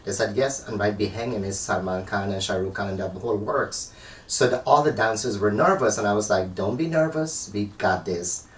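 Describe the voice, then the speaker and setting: A man's voice: lowish voice, normal speed. A man from Guyana, a dancer, chatting as an interview guest and telling stories with animation. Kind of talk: casual interview chat. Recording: echoey room, far from the mic, faint noise.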